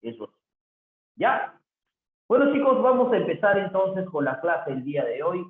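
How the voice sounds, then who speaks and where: A male teacher lectures an online class in a fairly high voice, checking in with his listeners again and again. He asks his students' questions himself, then answers them. The recording is echoey and narrow, like a phone line. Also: big pitch swings, moderate pace. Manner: repeats the tag "¿no es cierto?" often, voices imagined student questions himself. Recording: echoey room over a tinny phone-like line.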